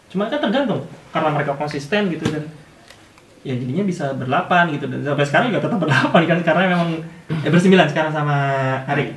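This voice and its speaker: A man, chatting casually and quickly about his comic community. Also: fairly high pitch, expressive, recorded from a distance, slight background noise. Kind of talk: casual chat. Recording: echoey room, voice a bit off-mic.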